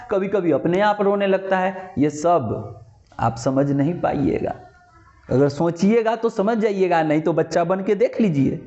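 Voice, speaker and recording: Male teacher, playful explainer who acts out voices; high voice, muffled lo-fi sound. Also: darkish tone, roomy sound. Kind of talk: explanatory lecture. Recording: dull lo-fi recording.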